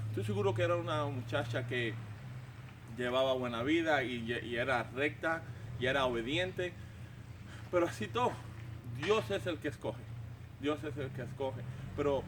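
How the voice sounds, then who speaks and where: A man's voice: on the high side, slight background noise. A man from Cuba, teaching the Bible in an informal, conversational way, repeating words and checking in with his listeners. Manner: repeats words and restarts phrases.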